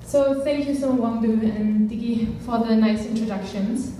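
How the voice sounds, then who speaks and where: A young German campaigns director delivers an earnest speech to a live audience, using many fillers. Her fairly high voice has a dark tone, steady and a little slow. She is recorded far from the mic in a large echoey hall, with slight background noise.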